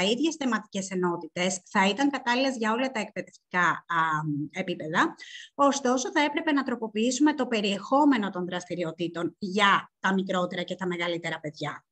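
A woman presenting research findings at an online seminar, speaking in a measured way with frequent hesitations. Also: a little high, fairly bright tone.

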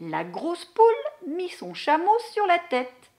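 A woman's voice: high-pitched, sing-song, takes it slowly, a little mellow. A woman librarian reading a children's picture book aloud with playful expression. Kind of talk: read-aloud storytelling for children.

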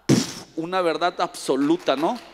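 A male pastor preaching a lively sermon, teasing and calling on people in the congregation by name. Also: on the high side, measured pace. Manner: playful, teasing, calls on audience by name. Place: large church hall. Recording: long echo of a church hall.

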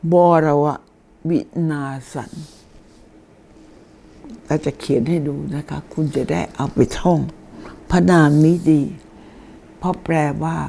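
An older woman giving a chatty, informal lesson on deity names, explaining slowly and reading names aloud. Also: low voice, gravelly, warm tone, slight background noise.

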